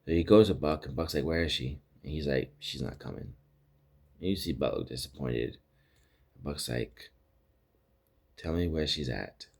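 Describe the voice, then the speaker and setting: A man's voice: rumbling low, lively intonation, moderate pace, gravelly, darkish tone. A man hosting a podcast, casually retelling TV episodes in a rambling way with many restarts and acted-out quotes. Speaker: podcast host recapping TV episodes. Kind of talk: casual recap chat.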